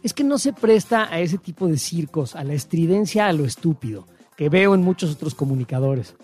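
A man's voice: a little high, lively intonation, fairly quick, a little mellow, breathy edge, faint music behind. A man with a Mexican accent hosting a show, talking casually with sarcastic, joking asides. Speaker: show host. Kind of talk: casual chat.

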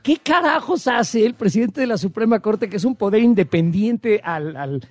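Animated high-voiced Mexican man. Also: normal speed, dry recording. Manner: sarcastic, animated, joking. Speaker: show host. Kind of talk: casual chat.

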